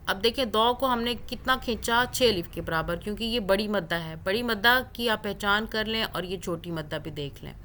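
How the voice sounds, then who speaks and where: A woman teaching Quran recitation rules step by step, drawing out the recited words slowly. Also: mid-range voice, sharp tone, slight background noise. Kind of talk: tajweed lesson with recited examples.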